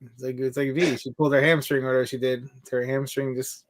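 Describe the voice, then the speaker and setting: Man, 40s, stream host; easygoing chat, quick laughs, reads viewer comments aloud. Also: mid-range voice, little pitch movement. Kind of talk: casual livestream chat.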